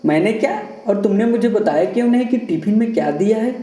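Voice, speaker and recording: A man's voice: high voice, animated, fairly quick, dark tone, voice pushed up. A man voicing an irritable young husband who scolds in a harsh tone. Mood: scolding. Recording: roomy echo.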